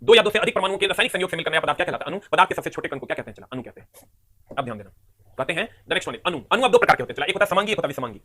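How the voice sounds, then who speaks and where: A man with a high, bright voice races through a live online chemistry class. He drills each definition again and again and counts atoms aloud at a brisk, forceful clip. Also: expressive. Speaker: teacher.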